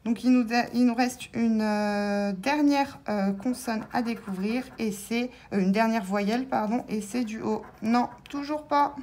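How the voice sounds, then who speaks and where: A woman's voice: fairly high pitch, measured pace, hardly any pauses, a little mellow. A woman vlogger commenting casually and hesitantly as she scratches lottery tickets, spelling out letters with many fillers.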